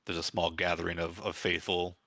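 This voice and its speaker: Game master role: a man with a low, bright voice, halting and easygoing narration, dry close sound. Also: dry recording. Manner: relaxed, halting narration with restarts. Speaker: dungeon master.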